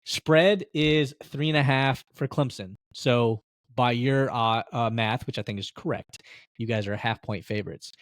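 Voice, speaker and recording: A man's voice: medium pitch, a little slow, no room sound, studio quality. A man co-hosting a sports podcast, talking in a chatty, storytelling way and laughing easily. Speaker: podcast co-host. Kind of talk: casual sports chat.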